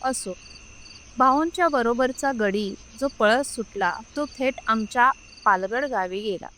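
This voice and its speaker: A woman reads a story aloud in a slow, measured and solemn way. Her voice sits fairly high, and each phrase comes unhurried. Faint crickets and insects chirp in the background. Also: a bit bright, slight background noise. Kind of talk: scripted narration of a Marathi story.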